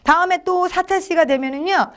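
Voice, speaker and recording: A middle-aged woman instructor explaining teaching steps to teachers in a brisk, chatty manner. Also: very high-pitched. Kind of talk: lecture for teachers.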